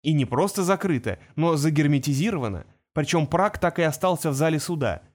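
A man narrating an audiobook in a brisk, wry storytelling manner. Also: on the high side, animated, darkish tone. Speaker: audiobook reader. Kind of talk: scripted narration.

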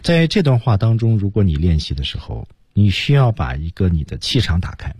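A man teaching English on the radio with a husky, lowish voice and very lively pitch. He explains pronunciation step by step. The recording is dry and close. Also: brisk, dry recording.

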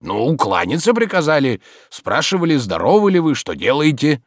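A man's voice: fairly high pitch, very animated, moderate pace, dry recording, pitched above the performer's own voice. A man reading an audiobook, voicing a stubborn, sly old male servant who grumbles with dry irony. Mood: grumbling. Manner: grumbling, ironic.

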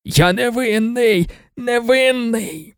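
A terrified ambassador, pleading in a trembling voice, voiced by a man who pushes his pitch up high. The lines burst out loud and lively, and the sound is dry and close. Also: fairly quick, no room sound. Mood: frantic. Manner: pleading, rising to shrill outbursts. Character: frightened, then furious male ambassador. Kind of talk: audiobook character voice.

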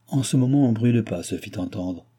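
A man reads a classic novel as an audiobook, narrating in a measured, even storytelling manner. His voice is husky and on the low side.

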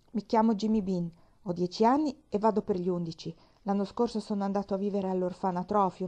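A proud, scruffy orphan boy of ten who answers bluntly and a little sulkily, played by a woman reading aloud. His voice is soft and mellow rather than sharp. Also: fairly low pitch, lo-fi sound, natural voice. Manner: blunt, impatient, then hopeful.

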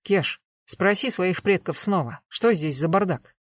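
A reader voicing a calm take-charge man. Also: sits high, a little slow, dry recording, clean studio sound. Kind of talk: audiobook dialogue.

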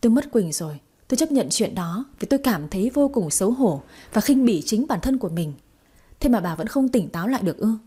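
A woman's voice: fairly high pitch, animated, a little fast, dark tone, husky. A woman voicing a young man who sounds apologetic and reproachful in turns. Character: young man, remorseful ex-lover.

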